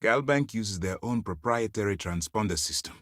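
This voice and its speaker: Casting: a principled, stern sci-fi game fleet commander. Low voice, highly dynamic intonation, formal and authoritative, dry close sound. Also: male voice, lively intonation, moderate pace, fairly bright tone, no echo. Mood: measured, resolute. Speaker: voice actor. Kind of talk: scripted video game character dialogue.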